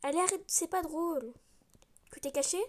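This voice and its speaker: A woman's voice: very high voice, moderate pace, a little hiss or hum. A woman voicing a touchy, teasing teenage girl who sounds indignant in a storybook read-aloud.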